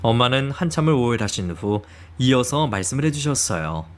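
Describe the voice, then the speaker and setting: Calm male story narrator. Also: medium pitch, a little fast. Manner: calm, storytelling, first person. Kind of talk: scripted narration.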